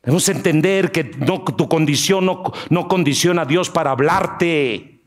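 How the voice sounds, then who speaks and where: A man preaching a sermon as pastor. He swings between low, slow stretches and loud, high-pitched emphasis, with joking asides.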